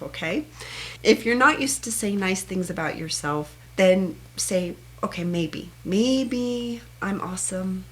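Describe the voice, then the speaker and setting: A woman guides listeners through a meditation technique, her voice soft and earnest. She talks in short, repeated phrases at a medium pitch. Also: slight background noise. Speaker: meditation teacher. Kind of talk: gentle guided self-help instruction.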